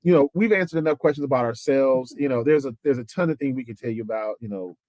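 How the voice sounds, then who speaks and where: A man's voice: medium pitch, quick pace, no room sound. A man co-hosting a gospel podcast, telling funny stories in a casual chat and acting out the people he quotes. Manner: animated storyteller who acts out quotes. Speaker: podcast co-host.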